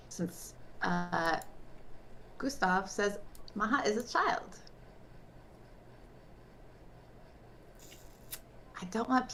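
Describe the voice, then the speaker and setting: A woman voicing a naive, mischievous cat-person adventurer in a tabletop game, halting and simple, speaking in third person. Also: fairly high pitch, a bit bright. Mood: halting, innocent. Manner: simple, halting, refers to self by name. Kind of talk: tabletop role-play character acting. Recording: faint background noise, room ambience.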